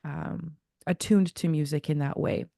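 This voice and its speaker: A Zimbabwean woman in her thirties, a jazz singer, reflects on her story in a casual interview, speaking unhurriedly. Her slightly low voice is gravelly and warm with fairly even intonation, recorded close and dry with no room sound.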